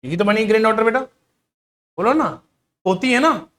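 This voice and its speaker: A middle-aged man teaches a reasoning class. His voice sits very high, and he keeps prodding the students to answer him. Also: animated, normal speed, fairly bright tone. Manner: coaxing, repeatedly prompting students to answer. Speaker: reasoning teacher for government job exams. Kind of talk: classroom lecture explaining puzzles.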